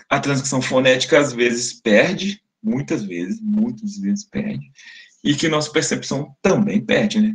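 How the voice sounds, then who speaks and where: A man from Brazil giving an academic webinar lecture, explaining in a conversational way, often checking in with the listeners and sounding out speech examples aloud. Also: a little high.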